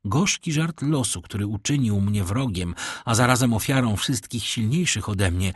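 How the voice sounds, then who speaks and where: Male reader doing a gentle sorrowful young lady for a storybook, lifted a little, husky, dry sound. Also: mid-range voice, dry recording, close to an everyday voice. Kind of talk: audiobook reading.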